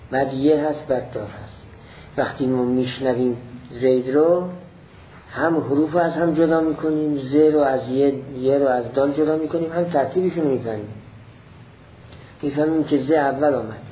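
A man gives a slow, deliberate lecture on a classical text, building each point step by step and repeating it. The recording is dull and lo-fi. A faint ambience sits behind his medium-pitched voice. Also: a little hiss or hum. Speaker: teacher of philosophy.

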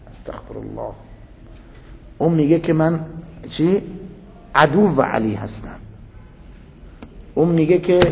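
A man's voice: fairly high pitch, mellow. A male preacher giving a dramatic sermon, quoting verses and explaining them line by line. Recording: echoey hall, faint noise.

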